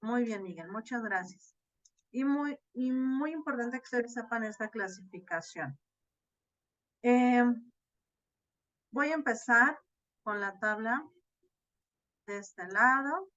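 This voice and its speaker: Over slightly dull, dry video-call audio, a woman lectures to her online class in a mid-range voice that sounds pushed and bright. She walks through things step by step, often adding fillers and tag questions.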